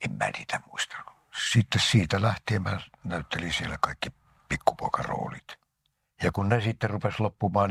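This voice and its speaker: An older man from Finland, an actor giving an interview, telling anecdotes about his life and often sinking into a breathy half-whisper. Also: low-pitched, a bit bright, no echo. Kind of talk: reminiscing interview talk.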